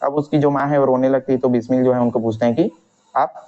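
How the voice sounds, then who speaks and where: A man's voice: mid-range voice, steady tone, racing, dark tone. A male teacher explaining a textbook lesson, retelling each quoted line in plain everyday words. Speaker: Hindi teacher. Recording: dull lo-fi recording.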